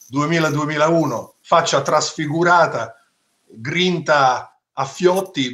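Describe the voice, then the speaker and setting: Male host, a bit high-pitched, easygoing, leads the conversation and sets up each topic. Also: fairly bright tone. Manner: conversational, guides the talk, describes photos. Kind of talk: casual chat.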